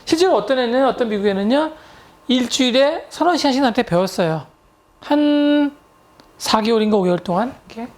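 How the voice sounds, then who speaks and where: Chatty woman telling stories, fairly high voice. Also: animated, fairly quick, a little mellow. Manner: chatty anecdotes with English words mixed in. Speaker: English tutor and lecturer. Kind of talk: storytelling lecture to viewers.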